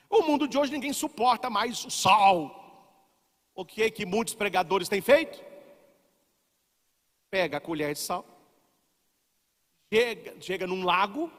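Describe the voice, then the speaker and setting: A male priest delivers a dramatic sermon, acting out the voices of people he quotes. His voice sits high and leaps around constantly. A long reverb trails behind him, as in a large hall. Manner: animated, dramatic preaching that acts out quoted voices.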